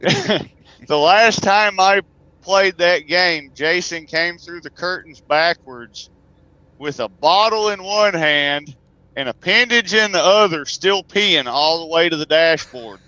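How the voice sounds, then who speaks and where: A man's voice: sits high, slow pace, pushed and bright, no echo, lo-fi sound. A man, a truck driver, telling stories as a guest in a casual, folksy, joking way. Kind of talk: casual conversation, storytelling.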